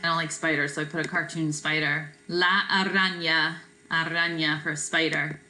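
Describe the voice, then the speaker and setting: Lady teacher walking students through vocab, chatty and laid back, low-ish bright voice. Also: moderate pace, low-quality recording. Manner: relaxed, chatty, many fillers and "right?". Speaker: Spanish teacher. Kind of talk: recorded classroom vocabulary lesson.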